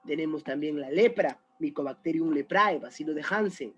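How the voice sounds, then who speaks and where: A man's voice: a little high, normal speed, breathy edge, dull audio. A man teaching a recorded biology lesson, chatty and often checking in with the student. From Peru.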